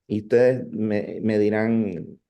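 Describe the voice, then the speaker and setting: A man teaching a university class on preaching, talking in an animated, conversational way with frequent restarts and mock impressions. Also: on the low side, takes it slowly, clean tone. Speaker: preaching professor.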